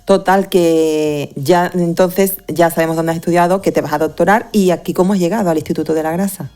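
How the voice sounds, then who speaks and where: A woman's voice: lowish voice, steady tone, a little fast, warm tone, soft background music. A woman hosting a science podcast, chatting and asking her guest questions. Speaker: podcast host. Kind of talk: podcast interview.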